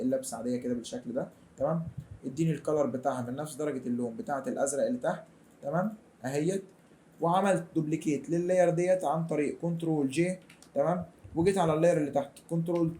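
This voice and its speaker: Fast-talking young Egyptian man. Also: fairly high pitch, mellow, a little hiss or hum. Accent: Egyptian Arabic. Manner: fast, chatty, colloquial. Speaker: design tutor. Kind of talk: screen-recorded software tutorial.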